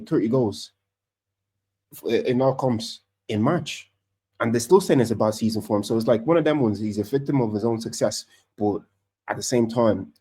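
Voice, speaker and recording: Husky, fast-talking man in football banter. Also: lowish voice. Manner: animated, rambling with many restarts. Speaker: podcast co-host, Arsenal fan. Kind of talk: casual football chat.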